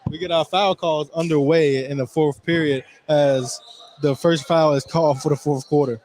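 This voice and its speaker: A man's voice: on the high side, fairly even intonation, normal speed, darkish tone, slight background noise. A man giving local radio color commentary at a basketball game, talking loosely with lots of "you know" fillers. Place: basketball gym, courtside.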